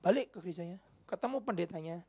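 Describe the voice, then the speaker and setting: A male pastor delivers a sermon, with a very lively pitch that leaps up for emphasis. His voice sounds slightly husky. He swings between loud exclamations and hushed whispers. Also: quick pace. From Indonesia. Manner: mixes in Javanese words. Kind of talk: sermon with acted-out dialogue.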